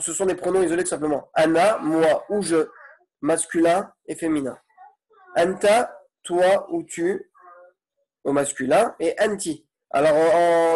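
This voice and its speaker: A man's voice: a little high, a little mellow. Patient man teaching a grammar lesson. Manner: patient, keeps checking with "ok?". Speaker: Arabic teacher.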